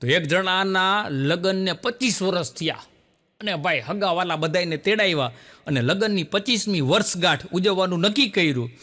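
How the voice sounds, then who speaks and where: Bright-voiced comedian. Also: male voice, sits high, lively intonation, moderate pace. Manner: folksy joke-telling with acted dialogue and audience laughter. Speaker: stand-up comedian. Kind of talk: Gujarati folk comedy storytelling. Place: stage show before a live audience. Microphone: stage microphone.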